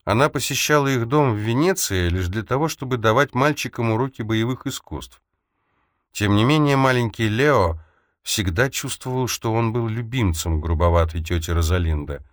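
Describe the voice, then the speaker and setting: A man narrating an audiobook in a measured, even storytelling manner. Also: on the low side, no echo, clean studio sound. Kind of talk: scripted narration.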